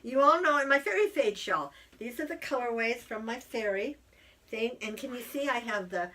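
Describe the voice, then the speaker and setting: A woman's voice: fairly high pitch, animated, moderate pace, sharp tone, far from the mic. A middle-aged woman co-hosting a crafting podcast, chatting in a rambling, friendly way with plenty of fillers. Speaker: podcast co-host, yarn dyer. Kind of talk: casual chat.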